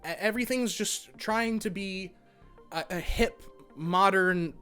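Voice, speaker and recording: A man's voice: high-pitched, measured pace, pushed and bright, smooth, soft background music. A young man giving a casual spoken cartoon review, ranting and swearing in exasperation. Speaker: animation reviewer.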